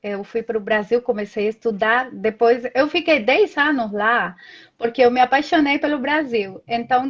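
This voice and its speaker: A Colombian woman in her 30s whose first language is Spanish chats as a guest on a live video call with lo-fi audio. Her voice is a little high, and she tells stories in a chatty way, tossing in lots of tag questions.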